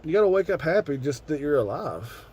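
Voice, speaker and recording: A high-ish male voice with big pitch swings, a slightly fast pace, and a somewhat mellow, slightly rough quality belongs to an American video host. Stoned on cannabis, he chats with viewers in a relaxed, rambling way, swearing casually throughout this loose vlog talk.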